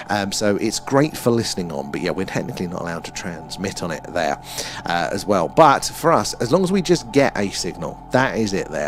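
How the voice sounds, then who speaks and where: A man's voice: low-pitched, a little hiss or hum. A man with an Essex accent hosting a live stream, explaining and chatting to viewers in a rambling, conversational way.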